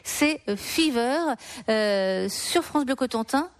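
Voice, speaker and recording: A woman's voice: fairly high pitch, animated, slow, heavy background noise. A woman hosting a live radio show, leading the talk with short questions and introductions. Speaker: radio host.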